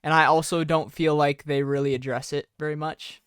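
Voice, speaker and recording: A man's voice: a little high, little pitch movement, a little fast, fairly bright tone, smooth, no room sound, clean studio sound. A man co-hosting a movie podcast from his own mic on a remote call, chatting with wry jokes. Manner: jokey, wry asides. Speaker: podcast co-host. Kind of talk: casual chat. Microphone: own mic over a remote call.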